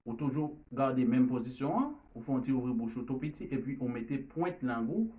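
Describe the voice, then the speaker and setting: A man teaching English pronunciation, repeating each drill word slowly and loudly. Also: mid-range voice, lively intonation, distant mic. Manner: repeats drill words loudly and slowly, mixes French and Creole. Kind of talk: pronunciation lesson.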